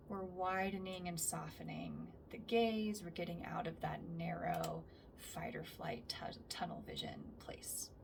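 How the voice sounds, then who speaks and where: A woman instructor leading a calm grounding exercise, speaking gently and letting phrases trail off softly. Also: fairly low pitch, creaky. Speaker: somatic practice instructor. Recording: distant mic with faint background noise.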